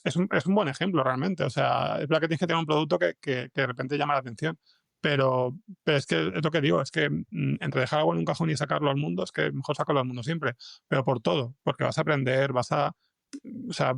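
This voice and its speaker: Gravelly and quick, a male guest with a Spain accent tells stories in a halting conversational interview about his work writing fiction podcasts, restarting sentences often. His voice sits on the high side and is a bit bright, recorded close and dry.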